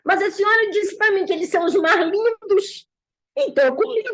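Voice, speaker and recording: A woman's voice: very high voice, a little fast, fairly bright tone, voice pushed up. A woman voicing a hungry, sly male hawk in a folk tale she tells. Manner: casual, reassuring, sly.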